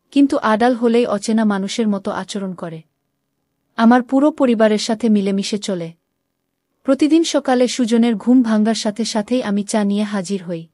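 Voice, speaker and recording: A woman narrates a first-person story at a steady storytelling pace. Her tone is mellow and warm, and the recording is dry with no room sound. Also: medium pitch, normal speed, dry recording. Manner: reads all characters in her own voice with small shifts.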